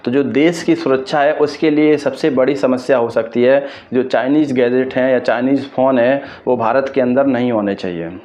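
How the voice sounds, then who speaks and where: Through a dull, lo-fi microphone, an Indian explainer-channel host walks viewers through the news at normal speed. His mid-range voice is steady and darkish with few pauses, and he repeats his points in an emphatic, opinionated way.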